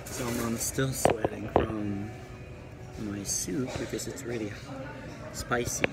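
A middle-aged man casually vlogging his meal in a large restaurant, talking into a handheld phone camera with many relaxed fillers. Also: lowish voice, slow, creaky. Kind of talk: casual vlog narration. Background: loud music.

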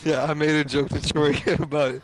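A man's voice: on the high side, flat delivery, moderate pace, noisy background. A man chatting casually with a friend, laughing so hard he is breathless and has the hiccups. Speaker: gaming video co-star. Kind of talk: casual chat between friends.

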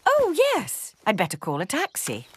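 A woman's voice: mid-range voice, huge pitch swings, moderate pace, noisy background. A British woman voicing a fussy, kindly old grandmother pig who carefully instructs.

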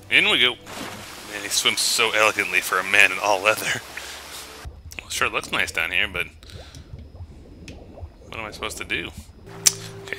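Over video game sounds, a gaming host delivers casual, jokey let's play commentary, teasing the game and exclaiming as he plays. His voice is fairly low, bright and forceful.

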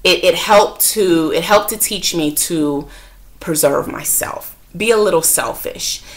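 A woman talking frankly to camera as a vlogger and mother, chatty and expressive, sometimes acting out what others said. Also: on the low side, a little slow. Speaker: self-help vlogger and mother. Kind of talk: candid talk to camera.

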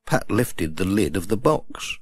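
Male storybook reader, slow and gentle, a little husky, with a lively, sing-song delivery. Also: deep voice. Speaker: audiobook narrator. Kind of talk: children's storybook reading.

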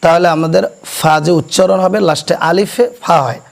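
A man teaching children to pronounce Arabic letters, explaining slowly and quizzing his pupils so they repeat after him. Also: high voice, steady tone, gravelly. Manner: asks questions and has pupils repeat; slow, deliberate explanation. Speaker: Quran teacher. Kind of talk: classroom recitation lesson. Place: madrasa classroom.

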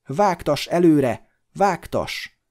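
A man voicing a commanding male elf lord on horseback, giving urgent shouted commands. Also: a little high, animated, voice pushed up. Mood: urgent shouting.

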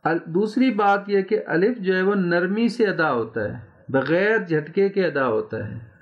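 A man's voice: high voice, expressive, muffled recording. A man teaching Quran recitation in an online lesson, patiently drawing out sounds and checking in with his students. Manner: patient, repeats sounds slowly and checks in often.

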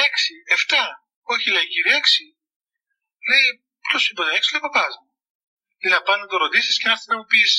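A man with a Cypriot Greek accent, a monk preaching a sermon full of funny stories, with many halting restarts. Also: high-pitched, bright, forceful tone, slightly rough, rough recording. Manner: storytelling, chuckling, halting restarts. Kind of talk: humorous sermon talk with anecdotes.

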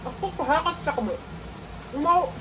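A fairly high-voiced woman talks through a mouthful of food, chewing as she gushes playfully. The grill sizzles loudly beside her. It is casual and homey. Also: lively intonation, a little fast, distant mic. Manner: playful, exclaiming over the food. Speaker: mukbang streamer. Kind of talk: casual eating chat. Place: home, indoors, cooking at a tabletop grill. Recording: loud sizzling grill noise.

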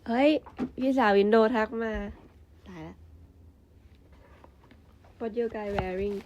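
A woman's voice: medium pitch, drawn-out words, a little mellow, a little hiss or hum. A young adult woman, an idol group member, chatting casually and playfully in a vlog, laughing often. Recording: slightly dull, muffled sound.

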